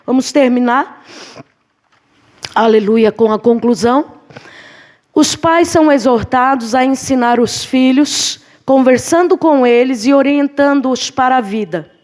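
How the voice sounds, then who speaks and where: Mulher aguda dando aula bíblica. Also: female voice, high voice, a little slow. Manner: lively, preacherly, addresses the class as brothers. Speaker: Sunday school teacher. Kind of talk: church Bible class lesson. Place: church hall.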